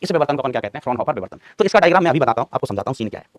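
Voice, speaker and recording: A man's voice: mid-range voice, very animated, rapid-fire, no room sound, studio quality. A male physics teacher giving a classroom lecture, quizzing his students, answering his own questions and repeating key terms, calling them son and brother.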